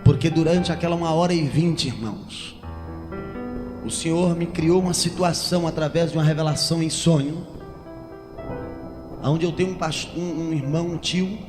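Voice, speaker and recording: A man preaching a Pentecostal sermon with a Brazilian Portuguese accent, building to shouted, chanting passages and speaking in tongues. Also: a little high, steady tone, moderate pace, pauses often. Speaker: pastor. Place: church. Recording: long church reverb with music.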